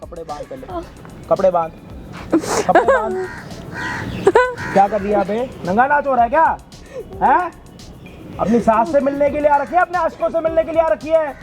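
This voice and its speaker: Hectoring male host, high-pitched, scolds loudly in a staged outdoor skit. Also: very animated, normal speed, pauses often, music in the background. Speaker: host confronting people. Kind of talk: staged street confrontation skit. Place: outdoors in a park.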